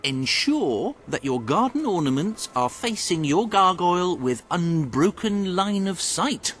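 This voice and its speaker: A man's voice: high-pitched, big pitch swings, a little slow, fairly bright tone, slight background noise, exaggerated voice. An actor voicing a giddy, eccentric male gargoyle enthusiast in a video game, talking in a gushing, theatrical way. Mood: fussy. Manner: gushing, theatrical, jumps from glee to fussy murmurs.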